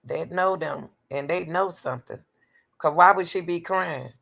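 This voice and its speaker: A woman's voice: fairly low pitch, unhurried, vocal fry. A woman hosting casual true-crime commentary, reading case details aloud and breaking off to question them and talk straight to her viewers. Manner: animated, talks straight to the audience, exclaims and questions; breaks off reading to argue with the material.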